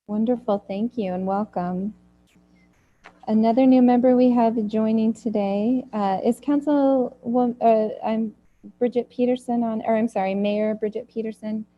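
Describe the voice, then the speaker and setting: Woman facilitator, polite and brisk, higher pitch, dull lo-fi audio. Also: fairly even intonation. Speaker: meeting facilitator. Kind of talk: introducing members at a meeting.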